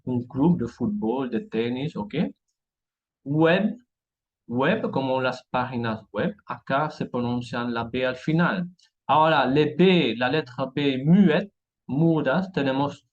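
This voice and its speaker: A man's voice: mid-range voice, dull audio. A man teaching a language lesson, patiently repeating each French word and checking in with listeners after each example. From French-speaking Europe.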